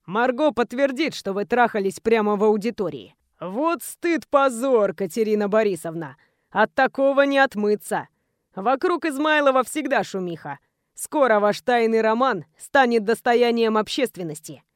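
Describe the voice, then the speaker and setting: A woman doing a sneering bully student, lowered voice. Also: expressive, normal speed, dry recording, clean studio sound, natural voice. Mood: sneering threatening. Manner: sneering, lewd and taunting. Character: arrogant blond male student, crude blackmailing bully.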